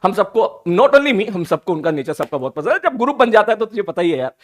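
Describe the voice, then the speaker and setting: A man tells his class a story. He speaks in an animated, teasing way and drops English phrases into his talk. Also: sits high, fairly quick. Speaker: teacher. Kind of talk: storytelling anecdote to students.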